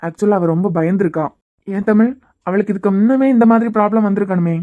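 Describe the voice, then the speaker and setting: A woman's voice: medium pitch, fast, narrow, tinny audio, close to an everyday voice. A woman voicing a serious young male doctor in a cartoon series, with a Kanyakumari Tamil accent. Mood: grave. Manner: serious, explaining. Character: young male doctor friend, grave and calm.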